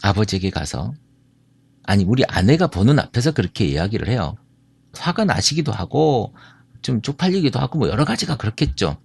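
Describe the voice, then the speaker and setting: A middle-aged man from Jeolla, South Korea, speaks to an audience about marriage and family, telling stories and asking listeners questions. His lowish voice is gravelly, a little mellow and slightly rough, very animated at a moderate pace, with no room sound.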